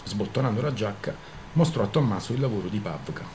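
A man reading a novel aloud for a radio show in a measured, even storytelling manner. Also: lowish voice, a little hiss or hum. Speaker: narrator, radio reader.

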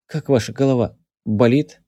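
A man's voice: medium pitch, normal speed, dark tone, no echo, natural voice. A man voicing a tough former Cossack officer in his forties who speaks curtly and jokes dryly. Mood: wry. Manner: curt, dryly joking.

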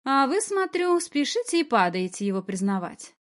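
Sullen teenage girl from an audiobook, higher voice, blunt and distrustful, done by a woman reader. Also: very animated, moderate pace. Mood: defiant. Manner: blunt, suspicious, talks back. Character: sullen defiant teenage girl missing a hand.

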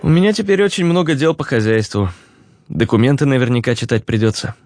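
Narrator doing a blunt irritable blind young guy, curt, fed up, raised voice over his usual low one. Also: big pitch swings, fast, a little mellow, dry recording, lightly acted. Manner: curt, exasperated.

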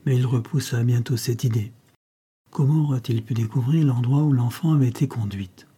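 A man's voice: mid-range voice, moderate pace, slightly rough. A man narrating a novel as an audiobook, telling it steadily and voicing the characters. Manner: steady storytelling with voiced characters.

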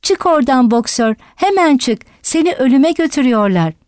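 A woman's voice: sits high, expressive, moderate pace, darkish tone, no echo, studio quality, voice pushed up. A woman voicing a sturdy motherly mare who cries out desperately. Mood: desperate crying. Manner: crying out desperately.

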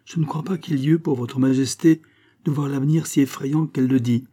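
A man's voice: medium pitch, fairly even intonation, brisk, warm tone, voice pushed up, close to an everyday voice. Grave, frank doctor, read by a man. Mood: grave earnest. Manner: grave, earnest. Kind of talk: audiobook character reading.

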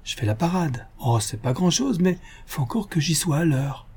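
A brash young woman cyclist from an old storybook, sassy and bossy in rough street slang, as a male reader puts her on. Her voice is raised high and lively, yet keeps a husky edge. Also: moderate pace.

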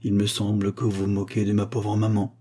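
A man voicing a poor, grieving male schoolteacher who pleads softly and sadly in a husky voice. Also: on the low side, completely flat delivery, fairly quick, natural voice. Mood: sorrowful. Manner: soft, sorrowful pleading.

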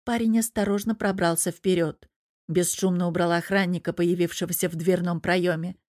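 A woman narrating an audiobook in a steady storytelling manner. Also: fairly low pitch, moderate pace, no echo, clean studio sound.

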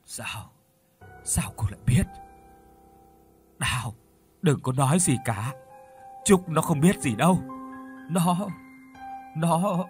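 A man's voice: on the high side, expressive, slow, pauses often, darkish tone, faint music behind. A man voicing a panicked, stammering young man. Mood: weak.

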